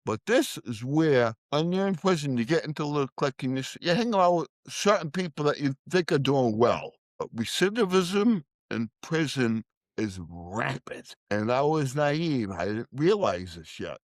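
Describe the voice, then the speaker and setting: A man's voice: mid-range voice, sing-song, normal speed, no echo. A middle-aged man, a guest telling his life story and acting out the quoted voices. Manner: emotional storytelling, acts out quoted dialogue. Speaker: podcast guest. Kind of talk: storytelling interview.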